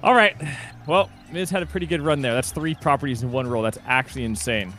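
A man's voice: mid-range voice, fast talker, a bit bright, faint music behind. A man streaming an online board game with friends, joking and hyping up his dice rolls. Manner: playful hype, teasing commentary. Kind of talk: casual gaming chat.

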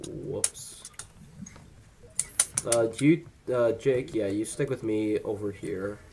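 A man's voice: on the low side, slow, warm tone, slight background noise. A man hosting a co-op gaming session, giving his teammates orders in casual banter. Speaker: gaming channel host.

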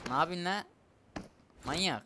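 Young male gamer, slightly high voice, jumpy live commentary, heavy gunfire behind. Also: a little slow, very noisy. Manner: excitable, shouts and mutters at enemies. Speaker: gamer streamer. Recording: loud gunfire over the voice. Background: game gunfire and vehicles.

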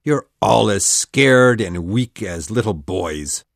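A woman voicing a cruel, bullying male pirate captain in a storybook reading, drawing out her threats slowly. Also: rumbling low, wildly swooping pitch, no room sound, clean studio sound, pitched below the performer's own voice, full character voice. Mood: threatening. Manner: growling threats, slow and drawn out.

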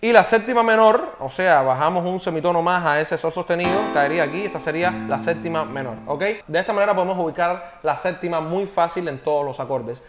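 Un hombre que da una clase de piano por video, explica paso a paso y pregunta "¿ok?" a cada rato. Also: male voice, a little high, brisk, hardly any pauses. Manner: explanatory, checks in with frequent "¿ok?". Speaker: piano teacher. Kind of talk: online piano tutorial.

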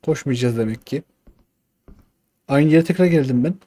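A young gaming YouTuber offers casual let's-play commentary, coaxing the game and cursing at it while muttering to himself. His warm, mid-range voice moves at a normal speed.

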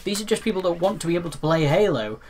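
A man's voice: sits high, lively intonation, very fast, a little mellow. A man co-hosting a casual gaming podcast, rambling with lots of fillers and restarts and teasing his co-host. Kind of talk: casual chat.

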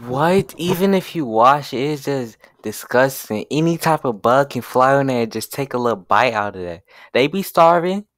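A man's voice: mid-range voice, expressive, moderate pace, few pauses, fairly bright tone, no room sound, clean studio sound. A man hosting a reaction channel, talking casually in slang and asking viewers questions from a small dim room on a headset mic.

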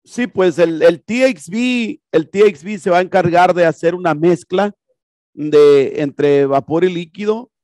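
A man with a high, unhurried, mellow voice teaches an HVAC class, casually explaining a video on the classroom projector and repeating himself with rhetorical questions. The recording is dry and studio quality.

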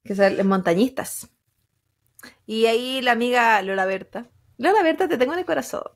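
A Chilean woman in her thirties with a Chilean accent, co-hosting a podcast in casual, animated chat full of slang and laughter. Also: a little high, normal speed. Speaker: podcast co-host.

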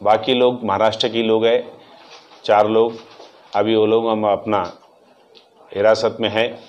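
A man's voice: on the low side, level tone, unhurried, muffled recording. A man, a police officer giving a plain, matter-of-fact statement at a press meet. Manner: plain matter-of-fact recounting with loose grammar.

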